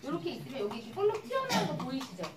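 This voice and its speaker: A cosmetics business presenter stands before a hall audience, demonstrating skincare in a live seminar and telling stories in which she acts out customer exchanges. Her high, sing-song voice is rapid-fire and chatty, captured from far off in an echoey hall with very noisy sound.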